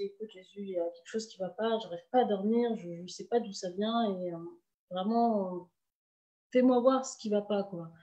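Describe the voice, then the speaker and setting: A woman telling her personal faith testimony in a halting, emotional way, full of restarts. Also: mid-range voice, warm tone. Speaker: testimony speaker.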